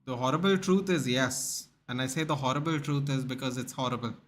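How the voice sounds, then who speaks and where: Reading viewer comments aloud in casual livestream chat, a young Indian English speaker from Goa talks to viewers by name, with frequent restarts and lots of "dude" and "man." His mid-range voice moves fairly quickly.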